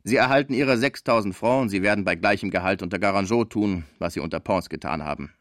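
Male reader voicing a brash, confident theatre boss, low, audiobook. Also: fast, fairly bright tone, no room sound, studio quality, lightly acted. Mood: assuring.

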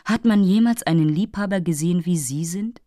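A woman's voice: lowish voice, brisk, warm tone, dry recording, studio quality, pitched above the performer's own voice, close to an everyday voice. A woman voicing a haughty, moralizing female fairy who lectures and takes offense easily. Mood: scolding.

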